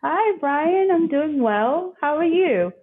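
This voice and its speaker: Over a tinny, phone-like remote line, a woman from the northeastern United States joins an interview podcast as a guest. A career coach with a high, expressive voice, she takes her time and talks in a chatty, reflective way, with light laughs throughout the conversational interview.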